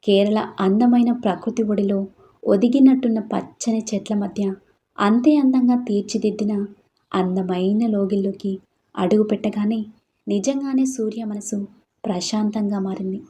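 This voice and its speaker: A woman storyteller reading a scripted story in a steady, expressive way. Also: medium pitch, normal speed.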